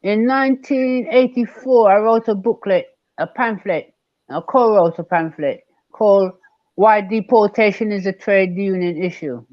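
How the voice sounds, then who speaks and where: An older man from Barbados, speaking as a guest elder in an online panel discussion, measured and emphatic, repeating key words. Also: high-pitched, no room sound, muffled recording.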